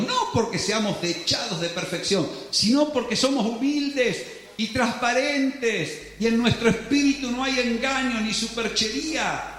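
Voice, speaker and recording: A man preaching a sermon as pastor, impassioned, moving between soft passages and loud ones. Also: very high-pitched. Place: church hall. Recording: echoey church room.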